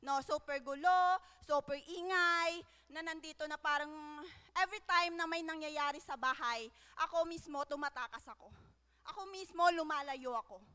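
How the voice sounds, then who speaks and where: A young woman giving a personal church testimony, halting, with many fillers and tag questions. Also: high voice, sharp tone. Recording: long reverb of a large hall.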